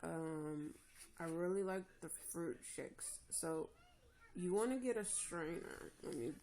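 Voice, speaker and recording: A woman's voice: lowish voice, takes it slowly, warm tone. A tired woman recovering from surgery, casually giving practical advice to viewers in a vlog. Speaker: vlogger sharing her jaw surgery recovery. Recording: echoey room with clear background noise.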